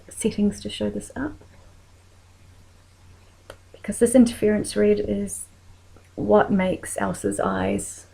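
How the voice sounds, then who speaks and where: A woman with a New Zealand accent talking through a makeup tutorial in a soft voice that often drops to a whisper while she works. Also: mid-range voice, vocal fry, husky, low-quality recording.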